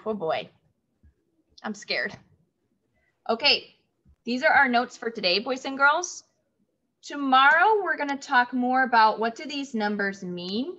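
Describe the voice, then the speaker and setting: A woman teaching third graders in an online lesson, speaking slowly and clearly and repeating key words for the children. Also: a little high, bright, forceful tone. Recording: dull lo-fi audio.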